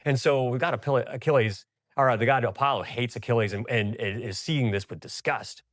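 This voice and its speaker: A man's voice: mid-range voice, a little fast, no room sound, studio quality. A man, a history teacher, retelling an ancient tale in a casual, dramatic way with chatty asides. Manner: chatty, animated, colloquial asides.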